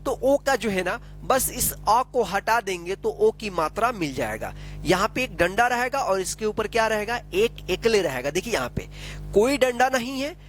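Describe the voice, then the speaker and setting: A patient teacher, a man, explains a lesson step by step. He keeps asking questions and answering them himself, with soft music faintly behind him. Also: sits high, big pitch swings. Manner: slow, patient explaining with frequent tag questions.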